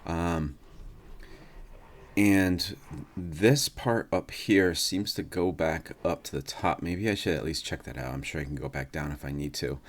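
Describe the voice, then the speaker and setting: A man hosting a casual let's-play, musing aloud in an unhurried way and reading out game text. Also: very deep voice. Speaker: gaming host. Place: indoors, seated at a computer. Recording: faint noise, chair creaks. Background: creaking chair, faint background noise.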